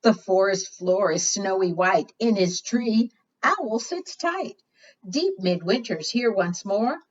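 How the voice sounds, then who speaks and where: A mid-range female voice with lively intonation reads slowly to a group of young children. During this preschool storytime she reads expressively and poses questions to her listeners, and the audio is dull and lo-fi.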